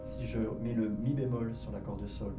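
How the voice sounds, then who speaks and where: A man's voice: on the low side, steady tone, moderate pace. A man teaching a group music lesson, explaining harmony patiently, counting beats aloud and singing rhythms in syllables. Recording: roomy sound from a distant mic, with piano.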